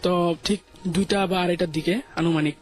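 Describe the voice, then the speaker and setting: Fast-talking young Bangladeshi man, high voice. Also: fairly even intonation, faint music behind. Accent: Bangladeshi Bengali. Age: young adult. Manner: hesitant, many fillers and restarts. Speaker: guest storyteller. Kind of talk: telling a true ghost story on a radio show.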